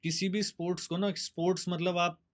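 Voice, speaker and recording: A man, a bodybuilder guest telling his story in a steady, explaining way. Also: high-pitched, brisk. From Delhi, India. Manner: steady, explanatory, mixes English words. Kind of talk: casual interview storytelling.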